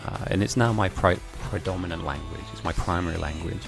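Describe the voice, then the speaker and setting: A man with a deep voice and vocal fry talks fairly quickly while gaming on stream, chatting loosely and reading viewer messages. German and Italian were his childhood languages in Germany and Italy, yet he speaks with an English accent. He rambles, laughs often, and faint music plays in the background.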